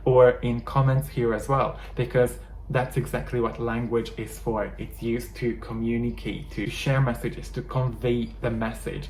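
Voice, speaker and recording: In a talking-head teaching video, a native Hungarian speaker with a Hungarian accent explains English learning to viewers in an earnest coaching style. His voice is mid-range with a darkish tone, and the room is echoey with faint background noise.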